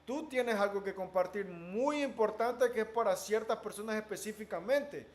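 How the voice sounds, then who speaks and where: Animated high-voiced man telling stories. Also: normal speed. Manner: animated storyteller mixing in English words. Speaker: interviewee. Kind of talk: casual conversation.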